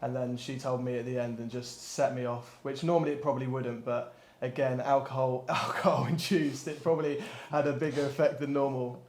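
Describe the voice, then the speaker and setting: A man's voice: mid-range voice, little pitch movement, brisk, few pauses, darkish tone. A man in his twenties telling a story casually in an interview, laughing things off. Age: 20s. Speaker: student footballer. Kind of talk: personal interview testimony. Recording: echoey room.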